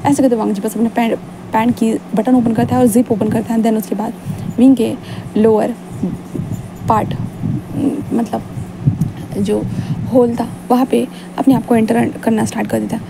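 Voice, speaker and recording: A woman's voice: fairly high pitch, little pitch movement, normal speed, vocal fry, long pauses, background noise. A woman casually narrating a fan fiction story in a chatty, informal way. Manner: chatty, informal, many restarts and fillers.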